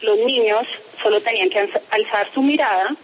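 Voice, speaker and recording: A woman's voice: on the high side, brisk, husky, highs cut off. A woman being interviewed by phone about a complaint, speaking firmly and formally. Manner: firm, insistent, formal. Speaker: interviewee, parent making a complaint.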